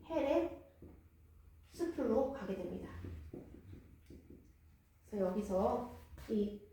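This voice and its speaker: A woman preacher telling a Bible story in a lively way, asking the audience questions, in a church. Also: fairly high pitch. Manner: animated, asks the audience questions. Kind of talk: storytelling sermon. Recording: echoey church hall, mic far off.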